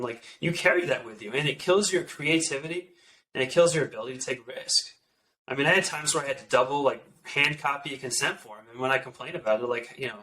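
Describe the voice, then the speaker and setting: A man in his thirties, an orthopedic surgeon, telling stories from residency in a casual, animated way full of "like" fillers. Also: medium pitch, low-quality recording. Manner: animated, many "like" fillers, quotes others in asides. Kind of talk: casual podcast storytelling.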